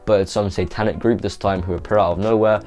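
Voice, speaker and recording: A man's voice: lowish voice, steady tone, quick pace, a little mellow, faint music behind. A man narrating a YouTube video in a casual, rambling, offhand way, full of "like" and restarts. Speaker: YouTube host.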